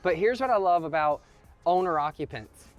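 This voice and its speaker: Real estate host explaining prices. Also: male voice, fairly high pitch, lively intonation, normal speed, muffled recording, soft background music. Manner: joking, explains prices at length. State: out of breath after climbing. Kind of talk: walkthrough commentary.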